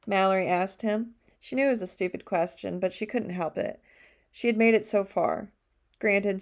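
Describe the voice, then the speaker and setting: Warm-voiced woman narrating a novel. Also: medium pitch, gravelly. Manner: steady storytelling reading. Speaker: audiobook narrator. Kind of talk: scripted narration.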